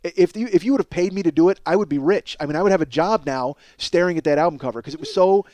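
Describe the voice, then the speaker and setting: Very fast and high-pitched, a middle-aged man hosting a comedy podcast rambles excitedly, swears, jokes at his own expense and keeps stammering over repeated words, with no room sound audible.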